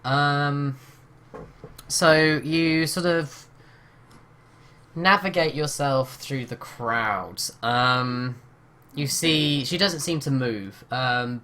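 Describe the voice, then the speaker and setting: A man's voice: mid-range voice, pushed and bright, a little hiss or hum. A man narrating as game master of a tabletop game, hesitant and full of "um" and "sort of" fillers.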